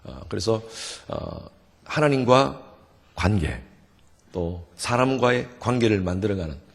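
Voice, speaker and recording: A middle-aged male pastor preaching at a revival meeting, lively and joking, having the congregation repeat after him. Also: fairly low pitch, vocal fry, husky. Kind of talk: sermon. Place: church sanctuary. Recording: long church hall reverb.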